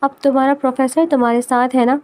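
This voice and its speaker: A woman voicing a young male professor in a storybook romance, speaking softly, affectionately and with a teasing edge. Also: sits high, level tone, lightly acted. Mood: tender.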